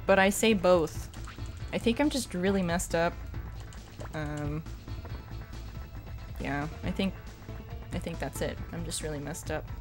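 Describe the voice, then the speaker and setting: Low-voiced woman streamer, chatty and rambling. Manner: chatty, rambling, self-deprecating. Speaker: streamer and speedrunner. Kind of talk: casual livestream chat while gaming.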